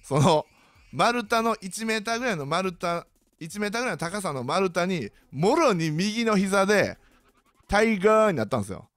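A man's voice: sits high, sing-song, moderate pace, fairly bright tone, no room sound. A man with a Kansai accent tells a comic personal anecdote, full of sound effects and self-mockery.

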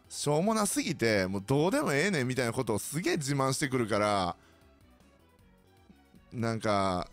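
A man with a Kansai accent hosting a casual monologue, ranting sardonically as he tells his stories to the listeners. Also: medium pitch. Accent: Kansai Japanese. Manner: ranting, sardonic, animated storytelling. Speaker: host.

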